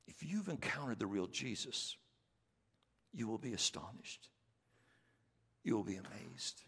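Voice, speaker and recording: A male pastor delivers a sermon in a deliberate, unhurried way, pressing each point and circling back to his questions. His voice sits low with a gravelly, fry-edged texture. The sound trails off in the long reverb of a church sanctuary. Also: very animated, a bit bright. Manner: earnest, emphatic, repeats questions.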